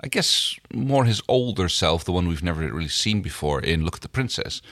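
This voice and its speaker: A man's voice: sits low, animated, fairly quick, a bit bright, no room sound, clean studio sound. A man co-hosting a podcast, chatting casually about a TV series, agreeable and sometimes searching for words. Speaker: podcast co-host. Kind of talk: casual chat reviewing a TV series.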